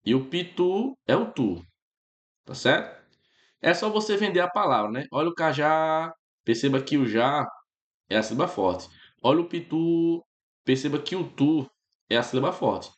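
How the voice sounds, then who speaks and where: A man's voice: mid-range voice, lively intonation, normal speed, echoey room, muffled recording. A man with a Brazilian Portuguese accent teaches a grammar class in a loose, chatty way. He checks in with his students after almost every point. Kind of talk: casual spoken grammar lesson.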